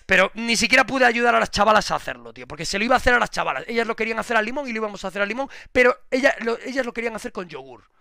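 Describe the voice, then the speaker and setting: A young man, streaming live in casual chat, crude and swearing, switching from low muttering to sudden shouting. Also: lively intonation, racing, creaky, dry recording, studio quality.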